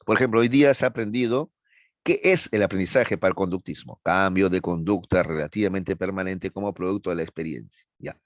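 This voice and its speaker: Low-voiced male teacher lecturing. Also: fairly quick, no echo, lo-fi sound. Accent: Peruvian Spanish. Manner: explains with frequent checks for understanding. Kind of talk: classroom lecture. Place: classroom.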